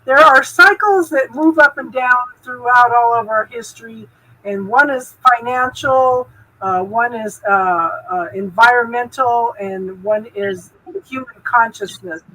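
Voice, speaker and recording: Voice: mid-range voice, a little slow, bright, forceful tone, rough recording. A speaker in a casual group chat, talking earnestly in short rhythmic phrases. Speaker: chat participant.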